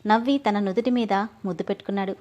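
A woman's voice: mid-range voice, steady tone, quick pace, warm tone. A woman reading a heartfelt family story aloud, voicing every character herself. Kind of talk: scripted story narration.

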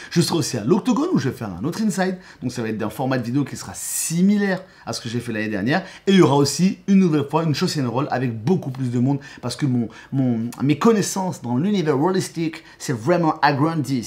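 A man's voice: medium pitch, a little mellow. A man, a YouTube host and game master, giving a casual channel update with enthusiasm and frequent restarts.

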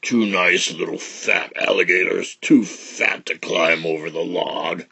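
A man voicing a big hungry alligator in a storybook reading, talking in a slow, coaxing drawl. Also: low-pitched, creaky, sharp tone, breathy edge, full character voice. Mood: sly. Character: big hungry male alligator, sly and menacing.

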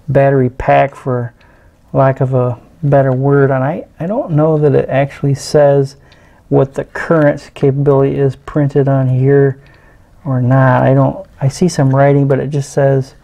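Indoors at a tabletop, a middle-aged electronics hobbyist presents a hands-on teardown with casual, unscripted commentary. He speaks at a medium pitch in a mellow voice touched with fry, hesitating and halting as he goes.

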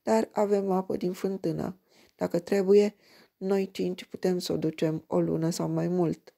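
A woman voicing a practical, calm male barman at a roadside diner in a read-aloud story. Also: on the low side, gravelly. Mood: matter-of-fact.

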